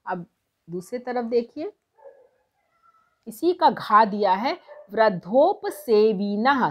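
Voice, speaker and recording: A woman teaching as a tutor, explaining textbook exercises step by step and slowing down to read verses aloud. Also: mid-range voice, dull audio. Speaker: Sanskrit tutor.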